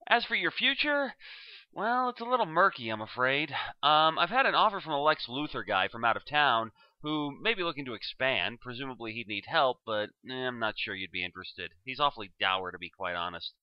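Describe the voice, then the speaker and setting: A man plays an aging male supervillain giving a farewell staff speech in a comic dramatic reading. His phrasing is genteel, florid and sentimental, and his pitch sweeps up and down theatrically. The recording is dry and a little dull. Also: expressive, brisk, dry recording, close to an everyday voice. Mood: apologetic, reassuring.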